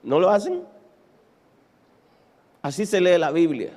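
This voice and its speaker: A man preaching a sermon as pastor to a live congregation, animated and dramatic, questioning the listeners directly and acting out scenes from the text. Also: sits high, slow pace. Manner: animated, dramatic preaching, acts out Bible quotes. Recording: reverberant church hall with keyboard music.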